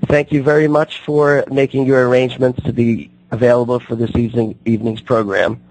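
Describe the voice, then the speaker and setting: Still getting his voice back after losing it, this radio talk show host sounds husky and gravelly. His delivery is halting and full of fillers and restarts, held at an even middle pitch, and the recording quality is low.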